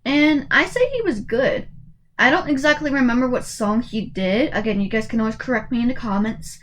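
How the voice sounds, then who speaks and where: Animated and brisk, a woman in her twenties with a fairly high, slightly bright voice does casual tier-list commentary as a YouTuber. Still, she's hesitant, with many fillers and restarts, and her voice goes in and out.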